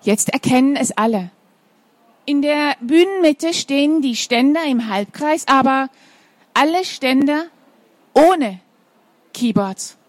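A woman's voice: high voice, a little slow, no echo. A woman reading a children's story aloud, adding informal asides to her young listeners.

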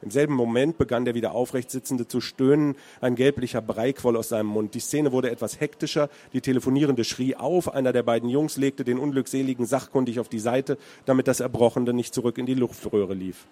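A man's voice: medium pitch, steady tone, fairly quick, few pauses, warm tone. A man from Hesse, a crime author, reading from his novel and then answering questions with many hesitant fillers. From Hesse, Germany.

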